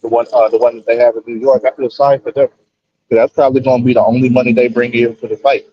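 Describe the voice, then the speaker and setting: Casual male co-host calling in from a car; breaking-up connection, muffled lo-fi audio, husky tone. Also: mid-range voice, little pitch movement, fast talker, no room sound. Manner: slangy, repeats and restarts phrases. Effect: choppy, breaking-up call connection. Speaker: podcast co-host. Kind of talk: casual boxing talk.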